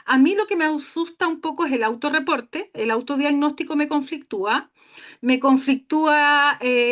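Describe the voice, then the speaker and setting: A tired woman giving a passionate, emphatic webinar talk over a video call, her voice turning shrill. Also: fairly bright tone. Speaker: guest speaker.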